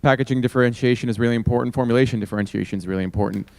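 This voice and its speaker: A man's voice: medium pitch, racing, gravelly, darkish tone, no room sound. A man moderating a panel of judges at a live event, putting questions to each in turn. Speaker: host moderating a judging panel.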